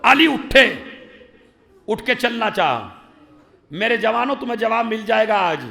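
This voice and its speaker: A man's voice: sits high, expressive, gravelly, bright, forceful tone. A male cleric delivering an impassioned mourning sermon, chanting and wailing as he urges listeners to weep. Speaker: cleric reciting a mourning majlis.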